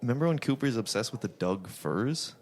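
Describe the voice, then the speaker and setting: A man's voice: mid-range voice, expressive, brisk, darkish tone. A man co-hosting a casual TV recap podcast, full of jokey, playful asides. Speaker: podcast co-host.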